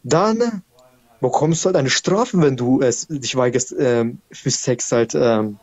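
A man's voice: medium pitch, slow, a little mellow, no echo. A man calling into a live debate, insistent, repeating himself and pleading to finish. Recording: dull, dry call audio.

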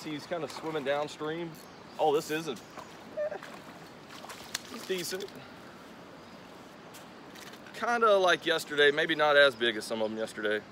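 A young man hosts a fishing vlog from a riverbank, chatting casually and explaining his technique as he casts. His voice is on the high side and a bit bright, picked up by a distant tripod camera with a little hiss or hum and a rushing river current behind.

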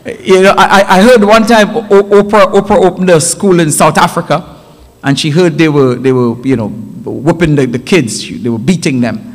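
A man preaching a sermon in a church, telling animated stories with stammered restarts. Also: a little high, normal speed, long reverb tail. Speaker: pastor. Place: church sanctuary.

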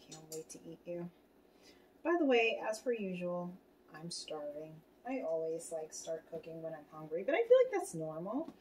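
Here a woman speaks in a low voice with background noise present. It's a relaxed cooking vlog from her home kitchen, where she tries out a meal kit, reads the recipe aloud, and chats away to the audience and to herself.

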